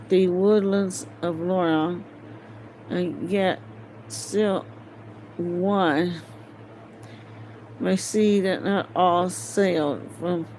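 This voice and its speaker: With a fairly low, slightly mellow voice, a woman reads a fantasy novel as an amateur audiobook reader, hesitating and frequently tripping over words. The home recording is rough, with faint noise behind her.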